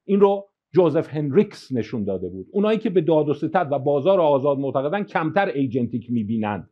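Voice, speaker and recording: A man giving a lecture in an animated way, acting out everyday examples and mixing in English technical terms. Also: on the high side. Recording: dull lo-fi recording.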